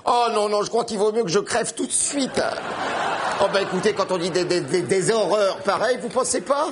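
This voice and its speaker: A man playing a spiteful older mother-in-law in a comedy sketch phone call, shrill and cackling as she gushes and curses. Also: moderate pace, noisy background, natural voice. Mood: mocking. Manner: shrill, cackling, gushing then cursing on the phone. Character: spiteful old woman, scheming mother-in-law. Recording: live stage recording with loud audience. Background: audience laughter.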